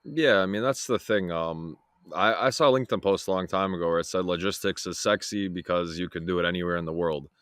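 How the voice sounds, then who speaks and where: A young man, a guest talking in an easygoing, relaxed way with many fillers. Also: sits low, fairly quick, dry recording, clean studio sound. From Toronto, Canada. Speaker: guest, freight broker. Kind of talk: casual interview chat.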